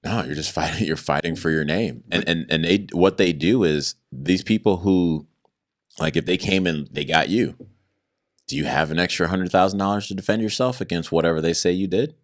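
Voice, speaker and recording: A man with a very deep, low-pitched voice tells his story as an interview guest. He talks in an animated, conversational way, acting out the back-and-forth he recounts and breaking into a laugh now and then. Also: moderate pace. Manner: animated, acts out quoted exchanges, laughs between points.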